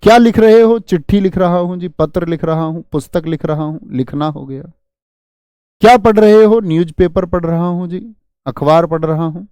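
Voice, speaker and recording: A man's voice: high voice, normal speed, warm tone, clear, resonant tone, no echo. A man teaching a Hindi grammar class, drilling students with rhetorical questions and calling them friends.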